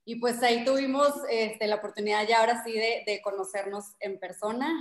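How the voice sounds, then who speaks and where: A woman from Monterrey, Mexico, with a regio accent, a triathlete guest speaking modestly and haltingly over a video call, with many fillers. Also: on the high side, steady tone, roomy sound.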